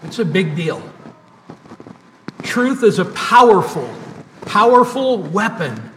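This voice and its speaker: A man with a high voice preaches slowly and deliberately, repeating his key words for weight. His sermon rings through a church sanctuary with long reverb, picked up from a distance with faint background noise. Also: sing-song, a bit bright. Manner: preaching with emphatic repetition and pauses. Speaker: pastor. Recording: echoey church hall, mic at a distance.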